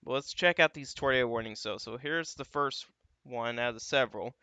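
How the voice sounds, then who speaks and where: A man hosts a live weather stream, working through radar images casually and thinking aloud, with lots of "uh" and "you got." His medium-pitched voice is bright, forceful and smooth, moving a little fast, and the recording is dry.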